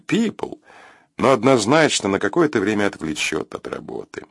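A man reading an audiobook in an expressive, wry narration. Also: lowish voice, gravelly, husky, no echo, clean studio sound. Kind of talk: scripted narration.

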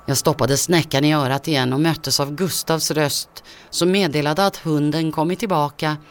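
A man tells a creepy first-person story as scripted narration. His delivery is tense and measured, in a voice that sits a little high for a man.

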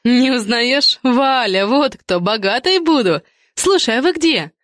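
A woman voicing a shrill, gossipy middle-aged woman who nags and chatters. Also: animated, fairly bright tone, no echo, studio quality. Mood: indignant. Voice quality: shrill, squealing. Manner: rapid nagging chatter.

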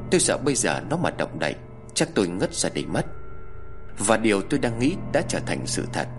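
A man narrating a first-person horror story in a dramatic, tense way. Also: lowish voice.

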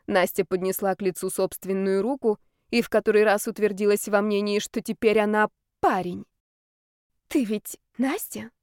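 A woman reading an audiobook in a steady narrating voice. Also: mid-range voice, fairly quick, hardly any pauses, clear, resonant tone, dry recording, clean studio sound. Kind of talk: scripted narration.

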